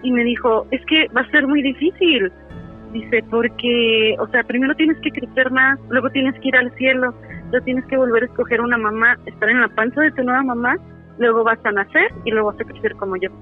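A female caller with a fairly high voice, fairly even intonation and brisk delivery tells a story casually. Fillers like "este" come up often, and music plays behind the tinny phone audio.

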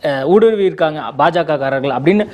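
A man hosting a political interview, putting questions in a measured way. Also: a little high, a little mellow.

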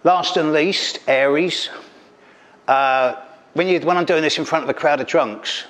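On an event hall stage, a middle-aged English stand-up astrologer holds a mic and fires off a caustic, teasing set with punchy delivery. His voice sits fairly high and sounds a bit bright, and he takes his time.

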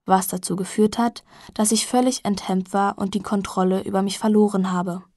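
A woman's voice: medium pitch, steady tone, moderate pace, a little mellow, dry recording, clean studio sound, lightly acted. A woman reading the part of a hungover young man who talks in a stiff, formal way, as if reading out an apology.

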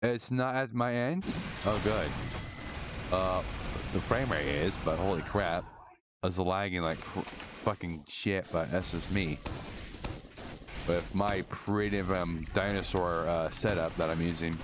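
A man streaming a shooter game live, commenting excitably, swearing a lot and rambling to his chat. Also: low voice, a little slow, background noise. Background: game music.

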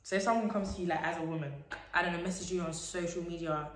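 A young British woman hosting a casual chat with friends on a sofa, animated and laughing often. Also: on the low side, quick pace. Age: young adult. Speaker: host. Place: living room on a sofa. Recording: echoey room.

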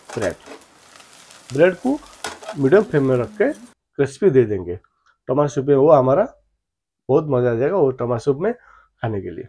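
A man's voice: on the high side, darkish tone, breathy edge. A man in his thirties, a cooking channel chef, talking viewers through a recipe step by step in a chatty, repetitive way, calling them friends. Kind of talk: cooking tutorial narration.

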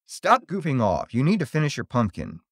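A man's voice: medium pitch, huge pitch swings, moderate pace, no room sound, clean studio sound. A man voicing a bossy, anxious older sister, a young girl who speaks in a raised, urgent, pleading way. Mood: stern.

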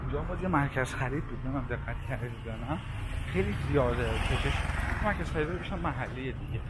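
A man talks casually as he walks city streets, his voice mid-pitched. Clear traffic noise runs behind him outdoors. He points things out and reads off prices in a relaxed, chatty way. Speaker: walking tour vlogger. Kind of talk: casual walking-tour narration.

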